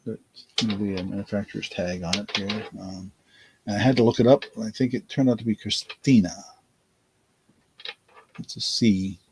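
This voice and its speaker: A man hosts a laid-back live auction, his voice low and gravelly. He talks slowly and tiredly, wandering through his thoughts with plenty of fillers. Loud keyboard typing clatters in the background. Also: steady tone, slight background noise, poor audio. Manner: unhurried, rambling, thinks aloud with many fillers. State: tired, yawning. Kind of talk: casual live-stream auction talk.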